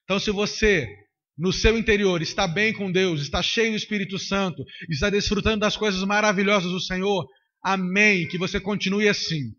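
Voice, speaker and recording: A man's voice: high voice, fairly even intonation, normal speed, pushed and bright. A man preaching a sermon into a handheld microphone, emphatic and repetitive. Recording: dull lo-fi recording.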